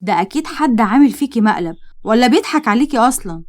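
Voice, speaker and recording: Woman reading a sensible young Egyptian girlfriend who gives quick, worried advice. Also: on the high side, lively intonation, natural voice. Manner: worried, advising.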